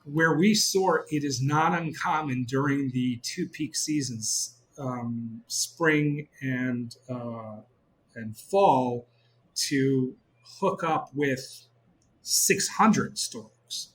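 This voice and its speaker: A middle-aged man from Israel tells gliding stories in a loose, animated way, stumbling through restarts and fillers. His voice sits at an ordinary middle pitch. A faint noise runs under the recording. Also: very slow, rough recording. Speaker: glider pilot guest. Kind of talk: casual storytelling interview.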